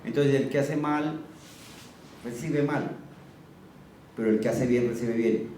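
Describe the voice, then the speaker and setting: Mellow preacher in an echoey hall. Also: male voice, medium pitch, slow pace, slight background noise. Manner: earnest, repeats phrases for emphasis. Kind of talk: sermon with scripture reading. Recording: very echoey room from a distance.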